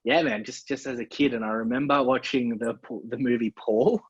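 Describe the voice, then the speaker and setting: A man's voice: medium pitch, steady tone, moderate pace, husky, no room sound. A man, a podcast guest chatting in a laid-back way, dropping "man" and "like" often. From Australia. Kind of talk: casual podcast conversation. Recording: dull, lo-fi and dry.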